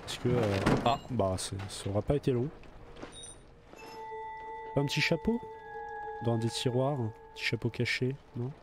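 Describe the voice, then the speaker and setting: Over music, a man with a mid-range voice talks at a moderate pace, leaving long pauses. He's a let's play gamer with a bit of a cold, casually chatting to himself during a video game.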